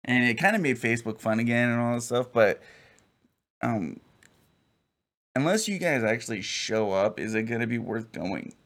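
A man's voice: medium pitch, lively intonation, normal speed, pauses often, fairly bright tone. A man in his late thirties co-hosting a casual chat, hesitant and rambling, with many restarts.

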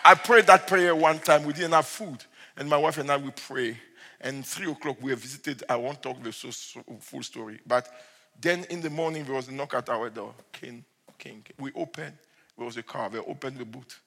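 A man preaching as a pastor, telling stories and moving from quiet asides to shouted declarations. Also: medium pitch, normal speed, big-room sound. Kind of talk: sermon.

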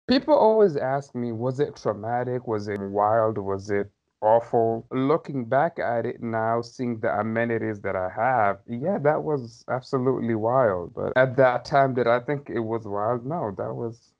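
This podcast guest, a man in his thirties from Somalia, reflects on his childhood with frequent hedges and light laughter. He has a medium-pitched, somewhat mellow voice with lively intonation and an unhurried pace, captured in slightly dull lo-fi sound.

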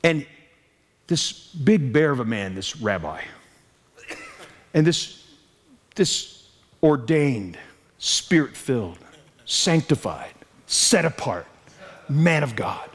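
A man telling a humorous story in a sermon, animated and jokey, acting out the voices of people he quotes. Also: medium pitch, slow, pauses often, breathy edge, in a large hall. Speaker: preacher.

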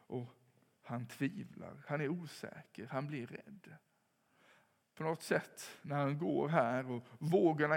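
Guy preaching a sermon, slow and thoughtful, bit of fry in his voice, lots of hall echo. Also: medium pitch. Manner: calm, reflective preaching with pauses and rising emphasis. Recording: long hall reverb.

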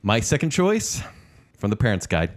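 A man's voice: fairly low pitch, wildly swooping pitch, normal speed. A middle-aged man co-hosting a casual movie chat, conversational and self-deprecating. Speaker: podcast co-host.

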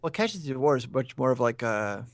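Talking fast and very animated in a mid-range voice, this man in his thirties co-hosts a podcast where he casually discusses films. He hedges thoughtfully and digs in with probing questions. There's no room sound.

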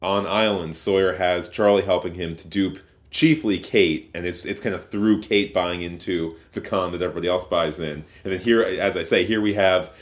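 Low-voiced man co-hosting a podcast. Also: steady tone. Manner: thoughtful, halting, with many fillers and restarts. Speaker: podcast co-host. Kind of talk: casual podcast discussion.

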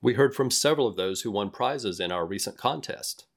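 Low-voiced guy reading listener notes on a podcast, even and friendly. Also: brisk. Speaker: podcast co-host.

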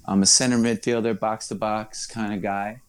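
A man, chatting as a guest in a casual interview, rambling and correcting himself with quick laughs. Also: on the low side, little pitch movement, smooth. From Long Island, New York. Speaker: musician guest.

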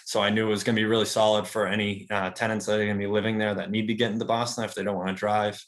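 A man in his early thirties speaks in a slightly low voice. He talks about real estate as a guest in a casual interview. He is relaxed and rambling, with lots of fillers and restarts. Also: racing. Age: 30s.

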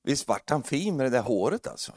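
A man preaching a lively sermon, joking with the congregation and building to loud, emphatic preaching. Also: medium pitch, breathy edge, dry recording, studio quality.

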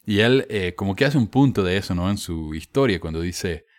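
A man's voice: low voice, expressive, normal speed, dry recording, studio quality. A man giving casual, frank commentary with a sardonic edge, hesitating and restarting as he talks. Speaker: commentator on religious texts.

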